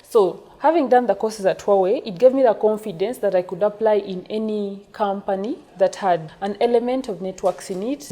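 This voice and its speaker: A woman's voice: mid-range voice, warm tone. A young woman with a Ugandan accent, from western Uganda, speaking earnestly and gratefully in a documentary interview about her engineering career. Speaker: network engineer.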